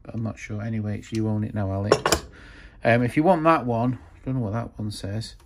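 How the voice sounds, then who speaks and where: A man's voice: fairly low pitch, brisk, heavy background noise. A man casually narrating a show-and-tell of old tools in his workshop, rambling with frequent ums and asides. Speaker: tool collector vlogger. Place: workshop, hands over a wooden bench.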